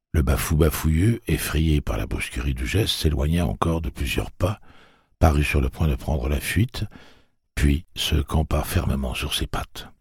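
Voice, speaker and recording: A man reading an audiobook story in a measured, steady way. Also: a bass voice, gravelly, slightly rough, no room sound, clean studio sound. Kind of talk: audiobook narration.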